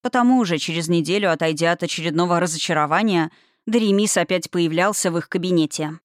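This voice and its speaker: A woman's voice: lowish voice, quick pace, no echo. Woman narrating an audiobook, dry sound.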